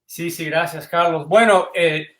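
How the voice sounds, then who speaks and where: A man from Cuba, a band director, answering interview questions in a measured, thoughtful way over a video call. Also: a little high. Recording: echoey room sound.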